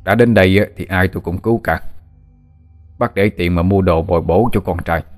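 A man's voice: low voice, fairly quick, soft background music, close to an everyday voice. A man doing a tired, kind old doctor. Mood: reassuring. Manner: calm, reassuring. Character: tired older male doctor, calm and kind.

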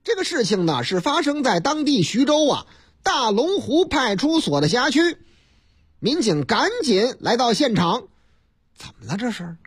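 A radio host with a Beijing accent spins news items into comic tales. The voice swings widely in pitch and has a slightly husky edge, and the delivery is theatrical and folksy. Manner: lively, theatrical, folksy banter.

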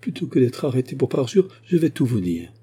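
A man doing a scared young servant girl in an audiobook, pleading, voice pushed up high, husky. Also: big pitch swings, fairly quick, warm tone.

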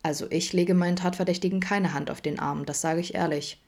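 A woman's voice: on the low side, fairly even intonation, a little fast, darkish tone. A woman reading a jealous young male detective in a podfic, dry and teasing.

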